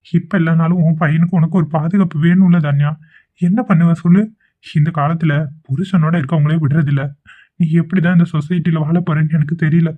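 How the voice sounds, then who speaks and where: A voice actor playing a caring adult man who is an old school friend, earnest and gently persuasive. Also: mid-range voice, fairly even intonation, fairly quick, natural voice. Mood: concerned. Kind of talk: amateur cartoon voice acting. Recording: tinny phone-like recording.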